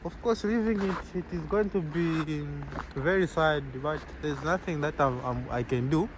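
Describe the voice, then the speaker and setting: A young man, a medical student answering street-interview questions outdoors in a relaxed, easygoing way. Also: a little high, normal speed, background noise. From Zambia. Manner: easygoing, chuckles between answers, repeats "yeah".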